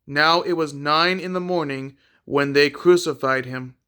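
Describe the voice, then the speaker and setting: Man reading scripture aloud, slightly high. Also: pushed and bright, clear, resonant tone. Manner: plain, unhurried reading with small slips and repeats. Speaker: scripture reader.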